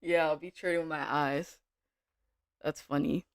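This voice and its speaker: Relaxed woman thinking aloud on stream. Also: low-pitched, measured pace, no room sound, clean studio sound. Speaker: day trader streaming live. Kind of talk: casual live-stream commentary.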